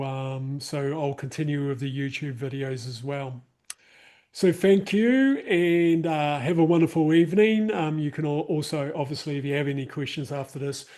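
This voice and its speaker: The workshop host speaks with a New Zealand accent in a darkish voice that sits on the high side. Over his video call mic, he chats informally to wrap up the live online session, restarting often and using lots of fillers.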